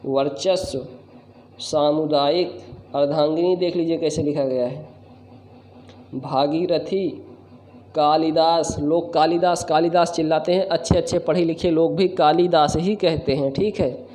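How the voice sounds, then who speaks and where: A man's voice: on the high side, steady tone, a little slow, dark tone. A man teaching correct Hindi spelling, going word by word and correcting common mistakes, often addressing viewers as friend. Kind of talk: spelling lesson to camera. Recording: echoey room, faint background noise.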